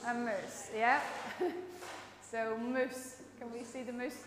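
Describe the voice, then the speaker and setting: A woman's voice: fairly high pitch, flat delivery, measured pace, a bit bright. A woman from the Netherlands with a Dutch accent, giving a playful, chatty all-age talk in church and quizzing the congregation. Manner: playful, chatty, laughs often, quizzes the audience. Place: church sanctuary. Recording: echoey church with long reverb.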